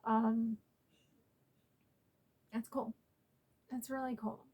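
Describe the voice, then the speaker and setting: Lady chatting thru her haul vlog, kinda rambly and sweet, slow talker. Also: a little high, level tone, darkish tone, husky. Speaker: vlogger.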